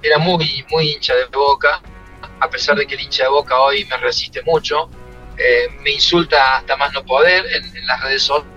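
Telling emotional, reflective stories from his playing and coaching career, a middle-aged Argentine man speaks with a Spanish accent in an interview. His medium pitch has fairly even intonation and a pushed, bright quality at a moderate pace. The audio is dull, with faint music in the background.

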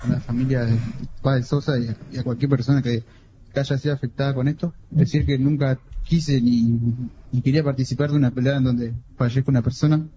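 A young man in his twenties, a defendant, apologizing slowly and hesitantly, stumbling over his words. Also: medium pitch, steady tone, mellow, slight background noise. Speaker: defendant making a statement in court. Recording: dull court audio with faint ambience.

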